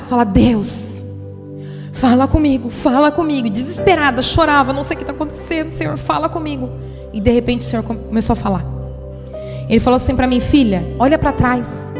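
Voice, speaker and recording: A woman pastor in her thirties giving a sermon testimony, telling her story with animation and acting out her own thoughts. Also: a little high. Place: church conference hall. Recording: live church recording with long hall reverb.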